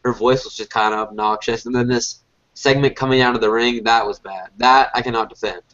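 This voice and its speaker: A stuffy-nosed man chats loosely on a podcast, piling up "like" and half-finished thoughts as he restarts sentences. His voice sits at an everyday middle pitch. The audio is dull and lo-fi, a home podcast recording. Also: steady tone, a little fast, fairly bright tone. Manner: rambling, filler-heavy, frequent restarts. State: congested, a little sick. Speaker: podcast co-host. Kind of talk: casual wrestling review chat.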